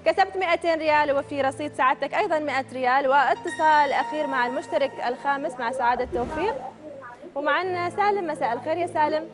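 A woman hosts a TV quiz in a studio, her voice pitched high. She fires off questions and answer choices at a quick clip, upbeat and crisp, with music playing behind her. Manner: brisk, upbeat, reads questions and options crisply. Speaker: quiz show host. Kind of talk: TV game show hosting. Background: show music.

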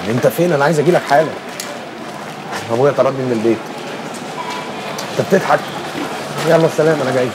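A man's voice: medium pitch, fast, long pauses, natural voice. An actor playing a young Egyptian man, just thrown out by his father, speaking curtly. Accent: Egyptian Arabic. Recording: outdoor street noise.

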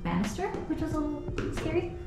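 Over loud music, a travel vlogger gives a casual tour of a rented apartment indoors, chatting delightedly with quick asides. Her voice is high-pitched, sing-song and creaky, with a roomy sound.

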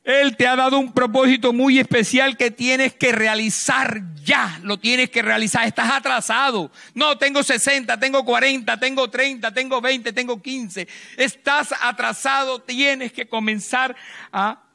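A middle-aged man preaching a sermon into a handheld mic on a church stage, swinging between loud emphatic bursts and hushed low lines. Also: fairly even intonation, measured pace, creaky. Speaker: pastor.

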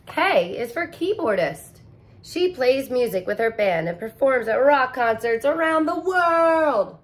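Sitting close to the camera in a living room with a couch, a woman teacher reads a picture book aloud for young children at an unhurried pace. Her expressive, sing-song storybook voice rises and falls a lot, and she adds soft little asides between pages.

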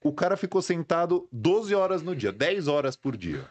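Animated man, lively pitch. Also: normal speed. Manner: animated, emphatic, colloquial. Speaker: training guest. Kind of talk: casual podcast chat.

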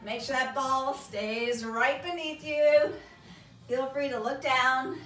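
A woman's voice: high voice, slow, fairly bright tone, slight background noise. A middle-aged woman working as a fitness instructor, giving encouraging, short clipped cues and counts as she leads a workout. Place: small carpeted home exercise room, indoors. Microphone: camera across the room. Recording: echoey room, distant mic, background music.

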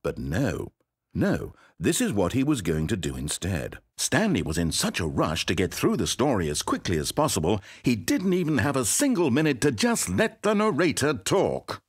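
A man's voice: mid-range voice, wildly swooping pitch, moderate pace, slightly rough, no echo. A man voicing a sardonic, condescending narrator in a video game, with dry, mocking delivery.

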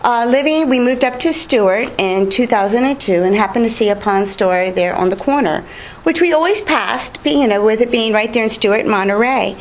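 Woman guest, fairly high voice, warm friendly storyteller with ums. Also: animated, fairly quick, slight background noise, low-quality recording. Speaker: business owner interview guest. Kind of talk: casual TV interview.

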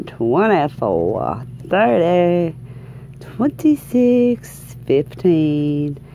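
Southern us lady doing a hyped folksy vlog, super up and down voice, kinda slow drawn out talking. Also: deep voice, vocal fry, dark tone, slight background noise. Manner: exuberant, folksy, repeats phrases for emphasis. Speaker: lottery scratch-off video host. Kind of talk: casual excited vlog chat. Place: indoors at a tabletop, hands-only shot.

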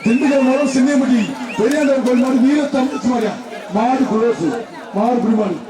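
A man with a very high, keyed-up voice barks out announcements through a loudspeaker, heard echoing from far across an open arena. A roaring crowd and heavy noise surge behind him as he calls out bulls and warns the tamers. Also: a little fast. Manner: excitable, calling out bull names and warnings to tamers. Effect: through a loudspeaker system. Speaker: bull-taming event announcer. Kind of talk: live event commentary over a loudspeaker. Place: outdoor festival arena. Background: loud cheering crowd and noise.

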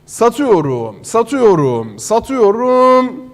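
A man's voice: very high voice, very animated, slow pace. A man working as a car auctioneer, calling bids in a repetitive chanting manner. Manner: repetitive chanting bid calls. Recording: long hall reverb.

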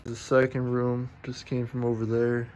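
A man exploring an abandoned farmhouse on a handheld phone camera, commenting on what he finds in a curious, low-key way. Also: monotone, moderate pace, darkish tone, a little hiss or hum, rough recording. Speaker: urban explorer vlogger. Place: abandoned farmhouse and yard, indoors and out.

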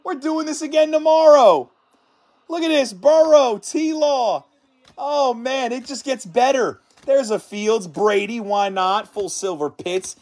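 A man hosting a card-break stream, calmly calling out cards and then shouting in hyped excitement at the big hits. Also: very high voice, slow. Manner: hyped, shouting exclamations between calm card callouts.

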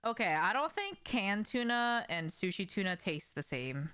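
With big swings in pitch around a medium range, her voice sounds sharp yet smooth at a normal speed. She's a young woman streaming a game from a room at home, chatting casually and speaking right to her viewers.

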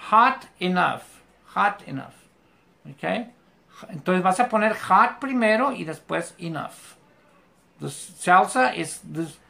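Slow, creaky teacher. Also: mid-range voice, bright, forceful tone. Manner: patient, repeats English examples slowly and carefully. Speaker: English teacher. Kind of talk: live online class. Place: home bedroom.

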